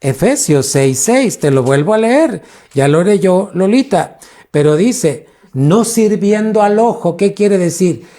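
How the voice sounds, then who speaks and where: A pastor teaching a sermon in a slow, deliberate way. His voice is dark and mellow. He stretches key words and throws questions at the congregation. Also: sits high, expressive. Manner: preaching with questions to the congregation, drawn-out emphasis.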